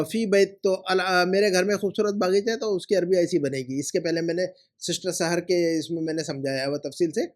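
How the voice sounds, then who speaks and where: A man's voice: fairly high pitch, a little mellow. A male language teacher, correcting homework and repeating grammar rules in a patient, explanatory way. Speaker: Arabic teacher.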